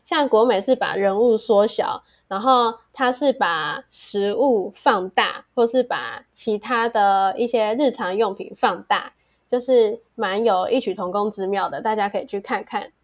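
A woman's voice: medium pitch, measured pace. A woman with a Taiwanese Mandarin accent co-hosting a podcast in casual conversation. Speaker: podcast co-host.

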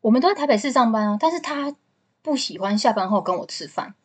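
Husky-voiced woman telling a story. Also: fairly high pitch, expressive, fast, darkish tone. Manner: storytelling, chatty and candid. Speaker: podcast co-host. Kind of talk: casual chat.

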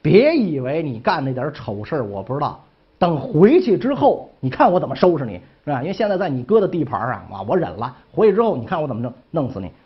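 A man voicing a betrayed ancient lord who threatens in quick bursts, in a dull lo-fi recording. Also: a little high, very animated, slightly rough. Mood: threatening.

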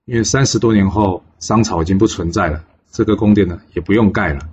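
A man voicing a shrewd old male sage advisor who speaks in a measured, knowing way. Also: on the low side, darkish tone, highs cut off, slight background noise, lightly acted. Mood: calm.

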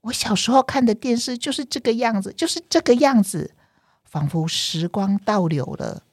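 A woman plays a sentimental, good-natured storybook father with a Taiwanese accent. The delivery is expressive and wistful, made for small children. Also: mid-range voice, moderate pace, no room sound, clean studio sound, natural voice. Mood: nostalgic.

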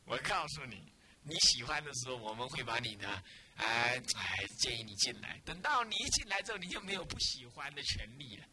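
A man's voice: medium pitch, sing-song, fairly quick, pushed and bright. A man, a Buddhist abbot, giving a dharma lecture to students, scolding and teasing them with rhetorical questions.

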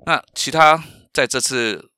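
A man's voice: medium pitch, a little slow, bright, forceful tone, clear, resonant tone, no room sound, clean studio sound. A middle-aged man from Taiwan, a professional speaker hosting his own podcast, telling stories and asking rhetorical questions with frequent fillers. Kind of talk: solo podcast talk.

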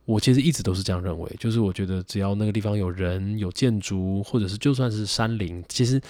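A man's voice: lowish voice, fast, mellow, dry recording, studio quality. A young man with a Taiwanese Mandarin accent hosting a solo podcast, reflective and rambling with many fillers. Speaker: podcast host. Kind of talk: casual solo podcast talk.

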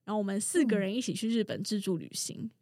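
A woman in her thirties hosting a podcast who tells stories in a loud, excitable way, laughing often. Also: medium pitch, fast, no echo, clean studio sound. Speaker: podcast host. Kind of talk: casual storytelling chat.

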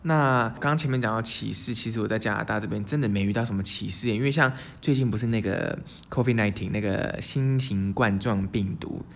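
A young man from Taiwan, hosting his channel in a casual storytelling monologue, lively and sprinkling English words into his speech. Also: lowish voice, fairly quick, creaky, few pauses, a little hiss or hum. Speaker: channel host.

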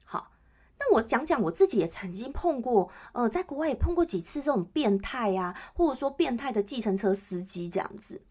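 Woman podcast host, chatty and lively, leans on listeners for agreement. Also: on the high side, a little fast, slightly rough. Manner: chatty, keeps checking in with listeners. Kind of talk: casual solo chat.

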